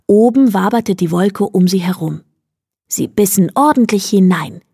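A woman reading a bedtime story aloud in a slow, calm way, close to the microphone. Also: mid-range voice, vocal fry, slightly rough, no echo. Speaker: narrator.

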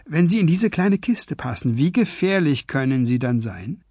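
A man voicing a sarcastic teenage girl who is a sorceress, with dry, teasing retorts in a husky voice. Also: a little high, very animated, normal speed, darkish tone, no echo, exaggerated voice. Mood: wry.

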